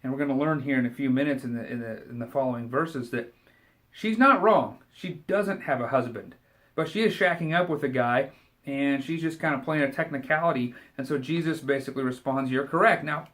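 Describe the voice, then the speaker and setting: A man giving a short devotional Bible commentary, talking in a relaxed, conversational way and paraphrasing scripture in everyday speech. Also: medium pitch, fairly quick. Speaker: Bible teacher.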